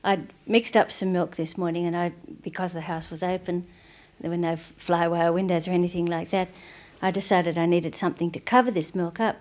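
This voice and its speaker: A woman's voice: fairly low pitch, fairly even intonation, brisk, a little mellow, muffled recording. Woman telling an amused anecdote. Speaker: interviewee. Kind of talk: anecdote in interview.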